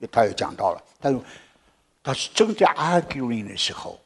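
Delivering a sermon and a story to his congregation at a moderate pace, this very husky-voiced man speaks at medium pitch with big swings in pitch. He shifts from loud exclamations to hushed whispers and slips English words in as he preaches.

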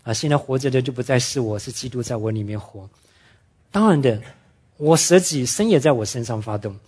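A man preaching a sermon, telling stories earnestly and slowing down to stress his main points. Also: medium pitch, lively intonation, darkish tone, breathy edge. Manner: earnest storytelling preacher, drops English words into speech; slows down and drops his voice to stress key points. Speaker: pastor.

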